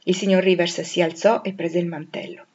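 Woman reading a novel aloud, measured and expressive. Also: lowish voice, slightly rough. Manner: measured, dramatic, rising on emotional lines. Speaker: audiobook reader. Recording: dull lo-fi recording.

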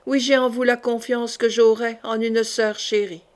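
A woman's voice: a little high, level tone, normal speed, close to an everyday voice. A woman reading the part of a desperate, grieving noble mother in an audiobook, pleading and fierce. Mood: shaken.

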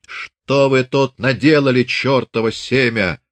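A man voicing a hot-tempered old lame Cossack father who yells, curses and shrieks, in a dry recording. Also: takes it slowly, dry recording. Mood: furious shouting. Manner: shrill, cursing, yelling.

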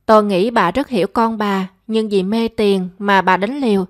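A mild, weary older father from an audio storybook, speaking softly and patiently, as a woman narrator voices him. His tone is resigned rather than forceful. The recording is close and dry. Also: medium pitch, fairly even intonation, normal speed, no room sound, lightly acted. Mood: reproachful.

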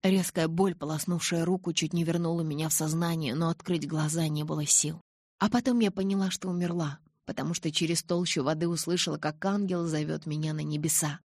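A woman reading a novel aloud in a dramatic, intense way, with a husky voice. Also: low voice, steady tone, fairly quick, darkish tone, no echo, clean studio sound. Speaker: audiobook reader. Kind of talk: scripted narration.

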